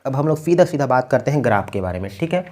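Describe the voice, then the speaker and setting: A man from India giving a patient physics lecture, explaining each step slowly and often checking in with his students. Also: medium pitch, very animated, warm tone. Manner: keeps checking in with "ठीक है". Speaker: physics teacher. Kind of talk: blackboard lecture.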